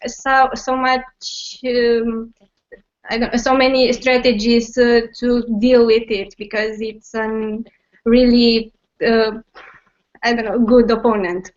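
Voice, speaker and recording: A young woman speaks slowly and haltingly, her pitch slightly high. She is a medical student presenting over a muffled video call. Her delivery is full of fillers and little nervous laughs. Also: little pitch movement. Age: young adult. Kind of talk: conference presentation. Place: home at night. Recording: dull online call audio.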